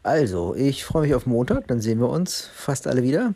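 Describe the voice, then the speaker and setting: A man's voice: mid-range voice, big pitch swings, a little fast, creaky, mellow, husky. A man, apparently a teacher, reading a children's book aloud expressively and then chatting casually.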